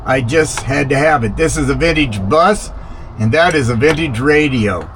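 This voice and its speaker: A vlogger installing a vintage radio narrates the job casually, rambling a bit as he thinks aloud. His medium-pitched voice is fairly bright with lively intonation at a normal speed, and there is clear background noise with vehicle ambience.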